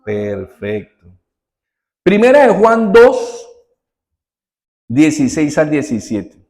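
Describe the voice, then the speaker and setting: A male pastor preaches in a somewhat high voice. He talks to the congregation conversationally, full of rhetorical questions, and jumps from loud, stressed phrases to quiet, intimate asides. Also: wildly swooping pitch, slow. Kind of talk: sermon.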